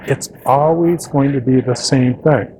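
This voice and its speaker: A therapist telling a client story and a fable in a conversational, animated way. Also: male voice, medium pitch, measured pace, noisy background. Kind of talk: storytelling to an audience.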